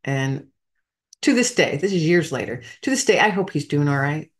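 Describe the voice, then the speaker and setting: A woman's voice: low-pitched, lively intonation, moderate pace. A woman, a veteran hosting a podcast, telling an emotional story in a heartfelt, rambling way and talking straight to her listeners.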